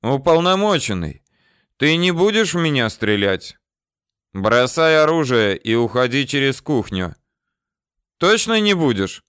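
A man doing a high, panicky cowardly bandit. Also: very animated, unhurried, clean tone, dry recording, clean studio sound. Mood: pleading. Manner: high panicky pleading shouts.

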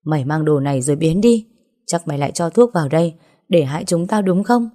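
A woman's voice: deep voice, lively intonation, a little fast, dark tone. A woman voicing a weakened, furious young woman who curses with hostility. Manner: cursing, hostile.

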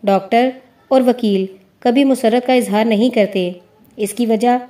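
A woman's voice: fairly high pitch, steady tone, mellow, close to an everyday voice. A woman reading the lines of a light-hearted male friend who jokes easily. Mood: joking. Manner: joking.

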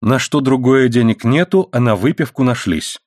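A man reading the part of a furious, worn-down miner's wife with sharp, indignant retorts. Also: mid-range voice, moderate pace, no echo, studio quality, close to an everyday voice.

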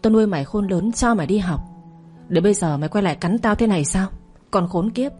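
A woman's voice: medium pitch, animated, fast talker, dark tone, faint music behind, close to an everyday voice. A woman narrator voicing a scheming, cruel middle-aged stepmother who talks in a mocking, scornful way in a storytelling audio drama.

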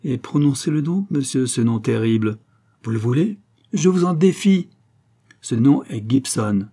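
A man's voice: medium pitch, moderate pace, mellow, husky. A man voicing a haughty, cutting aristocratic lady. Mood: imperious. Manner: cold, mocking, imperious.

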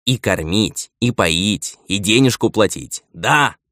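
A man's voice: on the low side, big pitch swings, moderate pace, no room sound, clean studio sound, voice pushed up. A man reading the part of an old steward who nags and lectures a younger man, in an audiobook. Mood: scolding. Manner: nagging, lecturing elder. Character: old male steward, stern, patient, scolding.

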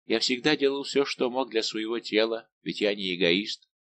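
A man's voice: fairly low pitch, normal speed, fairly bright tone, natural voice. A man voicing a fat, plaintive old male servant who sighs and laments in deferential tones, in an audiobook. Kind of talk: audiobook character voice.

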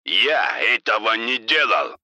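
A man's voice: lowish voice, sing-song, slow, sharp tone, no room sound, exaggerated voice. A man voicing an angry drug boss who speaks harshly and menacingly.

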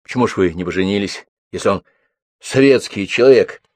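A stern young Komsomol boss who lectures and scolds in a low, husky voice, read by a man. The recording is dry and close. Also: a little fast, no room sound, lightly acted. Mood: stunned.

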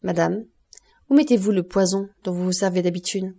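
A woman reading the part of a cold, stern male magistrate who accuses with measured contempt in an audiobook. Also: medium pitch, fairly even intonation, dark tone, natural voice. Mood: cold, accusing.

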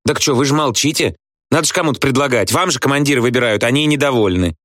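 A man voicing a brash, chatty teenage schoolgirl who talks quickly and pushily. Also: medium pitch, a bit bright, no room sound, studio quality, pitched above the performer's own voice, close to an everyday voice. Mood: defensive.

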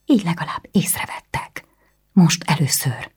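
A woman's voice: fairly low pitch, animated, sharp tone, slightly rough, exaggerated voice. A woman voicing a furious fourteen-year-old noble bride in whispered role-play, hissing her words. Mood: bitter hissing.

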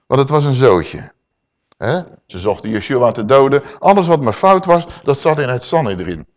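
A man preaching a Bible teaching sermon, talking to his listeners in a conversational way, asking them questions and slowing down to read verses aloud. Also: mid-range voice, very animated.

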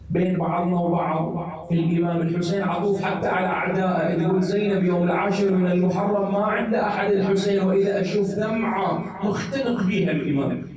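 A man delivering an impassioned Muharram sermon in a mosque, recounting events with quoted speech. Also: sits high. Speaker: mulla preacher. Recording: echoey mosque hall, distant mic, congregation.

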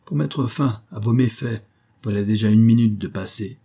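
A man's voice: on the low side, normal speed, mellow, slightly rough. A man reading an audiobook, voicing a resolute young student who coldly threatens another man. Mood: stern threatening. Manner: cold, commanding, clipped threats.

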